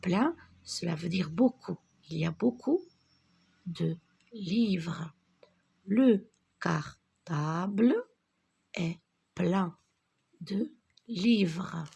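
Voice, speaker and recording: A woman teaching children to read, slowly spelling out letters and syllables and repeating each word, often half-whispering. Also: fairly low pitch, vocal fry, mellow, slightly rough. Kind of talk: reading lesson for young children.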